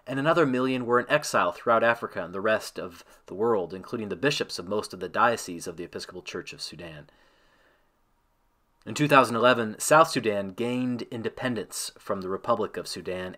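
A man giving a scripted devotional narration that ends in a prayer, reading in a measured, reverent way. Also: medium pitch, pushed and bright.

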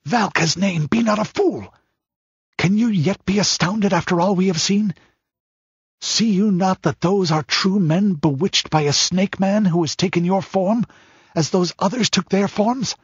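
Urgent barbarian warrior, raised and husky, man doing the voice; storybook reading. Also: high voice, a little slow, dry recording, muffled recording, voice pushed up, heavily acted. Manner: urgent, forceful pleading.

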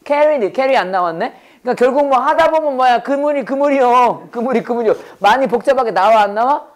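A man's voice: very high-pitched, animated. Man quizzing through a casual English lesson. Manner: quizzing, repeating questions and answering them himself; reads English phrases slowly and deliberately. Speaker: English teacher. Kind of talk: casual classroom lecture.

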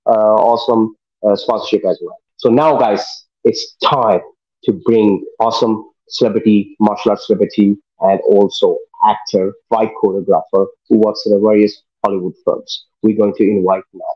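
Here's a middle-aged man running a talk show by video call from home, full of enthusiasm and relaxed, informal phrasing. The muffled webcam audio carries a lowish, steady voice at normal speed.

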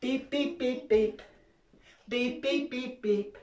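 An older New Zealand woman with a Kiwi accent runs a library rhymetime for toddlers, high-pitched and taking things slowly as she cheerfully sings, gasps, and animates the rhymes and songs. She's in a small carpeted indoor room, picked up by a distant camera that gives a roomy sound.

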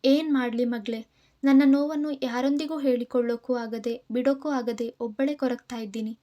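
A woman's voice: a little high, steady tone, fairly quick, mellow, natural voice. A woman voicing a grieving older mother estranged from her son, speaking in a tearful, pleading way.

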